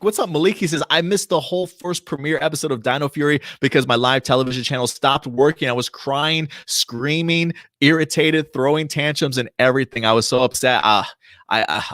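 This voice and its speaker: A man's voice: medium pitch, a bit bright, dry recording, studio quality. A man in his late thirties co-hosting a casual livestream chat, talking through viewer comments with lots of fillers and restarts. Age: 30s. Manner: chatty, reads out viewer comments. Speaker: podcast co-host.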